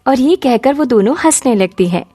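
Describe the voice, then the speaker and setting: Female storybook narrator, even and mellow, slightly high. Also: normal speed, husky.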